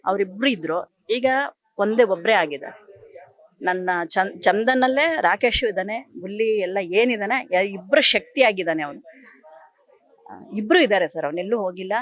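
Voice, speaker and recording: A middle-aged woman, an actress, speaking emotionally in an interview, sometimes tearful, with pauses and restarts. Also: mid-range voice, animated.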